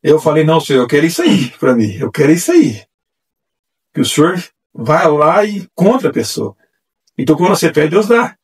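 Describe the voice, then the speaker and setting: A man telling his testimony as a church evangelist, animated and acting out the voices he quotes. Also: fairly high pitch, fairly quick, slightly rough. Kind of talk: testimony storytelling. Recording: distant mic.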